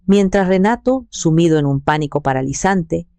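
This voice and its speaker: Low, cold-voiced woman narrator. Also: normal speed, smooth, no echo. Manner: even, cold and controlled. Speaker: story narrator. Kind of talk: scripted first-person drama narration.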